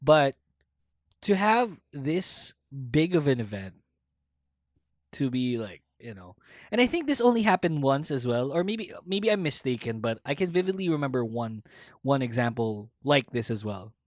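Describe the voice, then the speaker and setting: A Filipino woman in her late twenties hosts a casual podcast chat, rambling with lots of fillers and restarts. Her voice is very deep and sing-song at a normal speed, recorded dry with clean studio sound.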